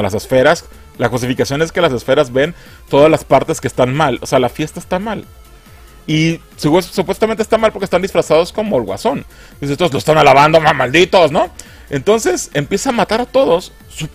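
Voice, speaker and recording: Mexicano burlón y exasperado. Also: male voice, fairly high pitch, expressive, brisk, faint music behind. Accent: Mexican Spanish. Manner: mocking, exasperated, crude. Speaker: film reviewer. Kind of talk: comedic film review.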